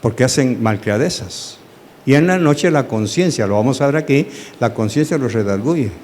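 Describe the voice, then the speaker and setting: Animated preacher man. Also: medium pitch, moderate pace, a little hiss or hum. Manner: animated, asks the congregation questions, acts out dialogue. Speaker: pastor. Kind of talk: Bible study sermon.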